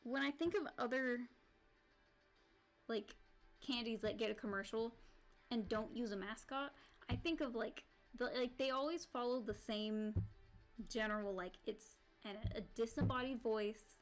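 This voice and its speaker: A woman's voice: fairly high pitch, a little slow. A woman streamer chatting casually and rambling while she draws. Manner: rambling, full of "like" and restarts. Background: faint background music.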